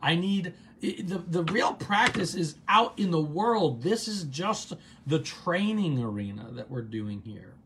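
Calm man guiding a gratitude practice. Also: slight background noise. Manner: calm, drawn-out repetitions dropping soft and low. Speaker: meditation host. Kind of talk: guided gratitude practice on a livestream. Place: office.

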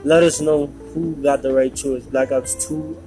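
A man's voice: on the high side, fairly even intonation, measured pace, dark tone, soft background music, low-quality recording. A young man, a podcast guest, argues and teases in casual slangy banter. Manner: argumentative, teasing.

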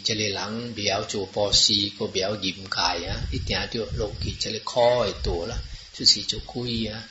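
A man's voice: fairly low pitch, steady tone, moderate pace. A man talking casually and at length, rambling along with many fillers and switching between languages. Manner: rambling, mixes in Chinese and English words, many "ah" fillers. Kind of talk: casual explanatory talk. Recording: muffled, roomy, noisy recording.

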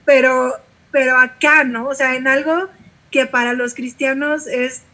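A woman's voice: high voice, steady tone, measured pace, sharp tone. A woman with a Mexican accent, a pastor and singer, telling stories in an interview with vivid quoted dialogue. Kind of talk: conversational storytelling interview.

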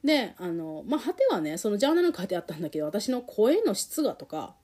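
A woman tells a personal story, her pitch swinging widely as she grows emotional. Her voice is mellow and soft-edged. She talks candidly and reflectively, with many fillers and pauses. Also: very animated.

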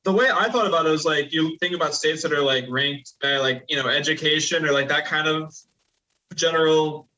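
A young man in casual podcast chat, excitable, laughing and swearing often. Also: a little high, fairly quick, recorded from a distance, low-quality recording. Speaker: podcast co-host.

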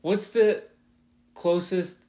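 Higher-voiced male podcast host. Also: little pitch movement, very slow, warm tone. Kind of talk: casual interview chat.

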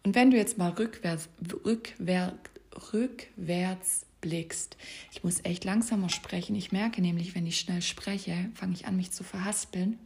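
Soft-spoken coaching woman, lowish voice. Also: a little slow, gravelly. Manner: soft, often whispered, guiding the listener; speaks straight to the listener with gentle instructions. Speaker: life coach. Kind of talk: motivational coaching talk.

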